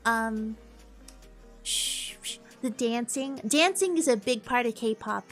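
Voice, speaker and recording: Slow-paced and fairly high in pitch, a young female streamer chats casually with her viewers in an upbeat, bubbly manner, tossing in playful bits of song. Faint music sits behind her voice.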